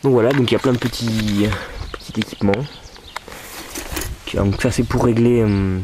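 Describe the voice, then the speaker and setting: Outdoors at home, an archery vlogger casually demonstrates his gear to a camcorder, talking to the camera and hesitating often with fillers. His voice is fairly low, fairly even, and at a normal pace. The camcorder mic also catches background noise.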